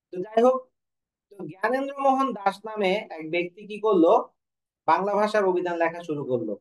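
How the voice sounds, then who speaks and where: Over a rough recording, a high-pitched male Bengali teacher runs an online class. He asks questions only to answer them himself and occasionally stops to correct himself mid-sentence.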